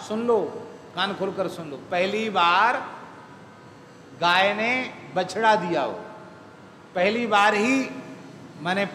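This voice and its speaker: A man's voice: sits high, fairly bright tone. A man giving a devotional discourse as a spiritual teacher, telling stories and repeating key phrases for emphasis. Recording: echoey hall with faint background noise.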